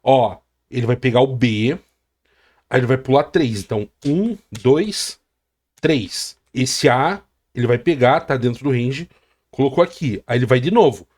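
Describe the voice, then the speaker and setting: A man's voice: medium pitch, expressive, measured pace, a little mellow. A man with a Brazilian Portuguese accent teaching a coding lesson, explaining step by step and often checking in with the listener. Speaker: programming teacher. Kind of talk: screen-recorded coding lesson.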